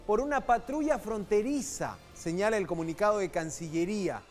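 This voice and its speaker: Male Peruvian news anchor, brisk and chatty with the viewer, mid-pitched, faint music bed. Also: expressive, a little mellow. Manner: brisk, conversational, addresses viewer directly. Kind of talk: live news commentary.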